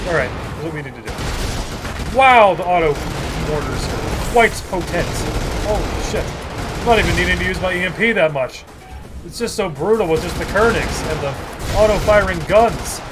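A man giving excitable, swearing commentary while playing a video game, game music behind him. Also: on the high side. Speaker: gaming video creator.

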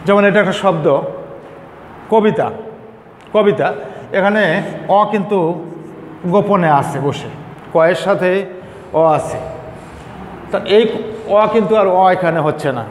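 A man giving a classroom lecture, explaining slowly and repeating example words. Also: high voice, a little hiss or hum. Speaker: teacher. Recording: echoey room with faint ambience.

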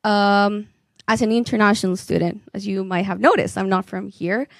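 Into a handheld mic in a conference room, a graduate speaker from Ecuador, a woman in her twenties, earnestly encourages students, filling her speech with many fillers. The studio-quality recording has no echo, capturing her mid-range, creaky voice at a moderate pace.

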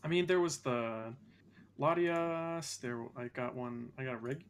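A man's voice: medium pitch, measured pace. A man chatting casually while playing a video game with friends. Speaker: gamer in a group playthrough. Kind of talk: casual gaming chat. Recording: clear background noise, keyboard typing.

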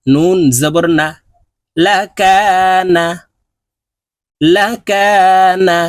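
A man teaching Quran reading, spelling out each syllable and then drawing out the joined word in a slow drill. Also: high-pitched, fairly even intonation, no echo, clean studio sound.

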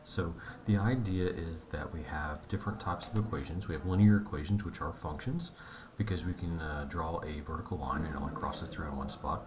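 A man with a very low voice works through a math problem on a board, talking to students in a relaxed, chatty way. His explanation moves step by step. Faint background noise sits under his voice. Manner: relaxed, conversational explaining with fillers. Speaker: math teacher. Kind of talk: whiteboard math lesson.

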